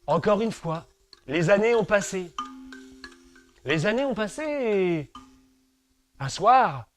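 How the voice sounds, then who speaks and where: A man from France telling a story aloud, slow and rhythmic, with deliberate repetitions and pauses. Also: high voice, lively intonation, soft background music. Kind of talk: oral storytelling performance.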